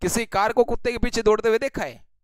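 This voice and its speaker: A man's voice: very high voice, steady tone, fast talker, clean tone, dry recording, rough recording. A man teaching English grammar in a live online class, playfully teasing and drilling students by name.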